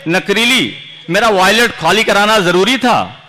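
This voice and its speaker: A poet from India performs his own verse, both funny and serious, at a big outdoor poetry event, repeating lines for effect as he declaims. His high voice swings widely in pitch, sounding pushed and bright at a measured pace.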